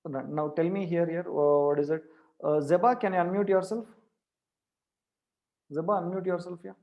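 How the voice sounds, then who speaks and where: A man's voice: sits high, steady tone, normal speed, vocal fry, dull audio. A man teaching programming in a live online class, repeating his questions to push students to answer.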